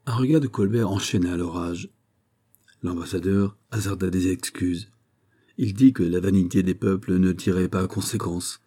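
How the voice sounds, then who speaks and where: Male audiobook reader, measured, deep dark husky voice. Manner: measured, steady reading. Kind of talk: scripted narration.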